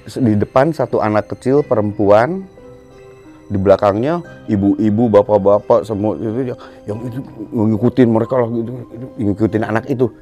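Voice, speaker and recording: A middle-aged man from Bandung, a band musician, telling a story in an animated way on a casual podcast and acting out scenes with sound words. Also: lowish voice, normal speed, faint music behind. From Bandung, Indonesia.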